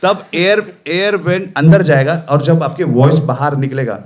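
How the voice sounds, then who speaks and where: Male workshop trainer, high voice, emphatic and playful delivery. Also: a little slow, highs cut off. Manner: animated, emphatic, playful teaching. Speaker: voice-over trainer. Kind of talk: live workshop lesson.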